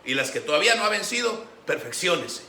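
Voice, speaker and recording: A man preaching a Sunday sermon as pastor, animated, acting out the voices he quotes. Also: high-pitched, fast, creaky. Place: church sanctuary. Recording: echoey church room with faint background noise.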